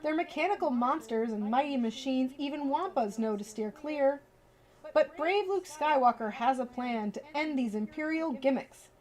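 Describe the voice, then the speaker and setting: Speaking at a normal pace, a woman with a high, slightly mellow voice runs a livestream. Her delivery is animated as she chats informally with viewers, speaking right to them, and reads children's bedtime stories aloud.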